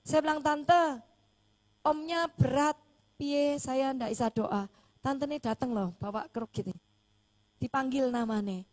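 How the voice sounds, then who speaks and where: A woman's voice: high-pitched, measured pace, pauses often, a little mellow. A woman pastor, preaching a sermon and telling a story animatedly, acting out the dialogue.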